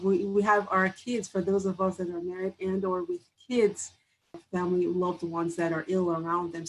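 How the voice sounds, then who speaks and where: Woman, podcast host, medium pitch, heartfelt, speaks to listeners directly, faint background hiss. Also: poor audio. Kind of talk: casual interview talk.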